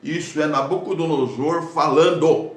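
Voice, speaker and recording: A man preaching a sermon and reading Bible verses, slow and emphatic, often praising God between lines. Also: a little high, steady tone, reverberant. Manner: slow, emphatic preaching with frequent "louvado seja Deus".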